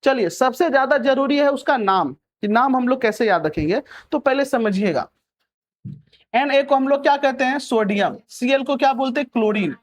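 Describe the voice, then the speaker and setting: A man's voice: extremely high pitch, moderate pace. A young male teacher teaching chemistry. He asks a question, answers it himself, repeats the key words and keeps checking that the students understand. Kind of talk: chemistry lesson.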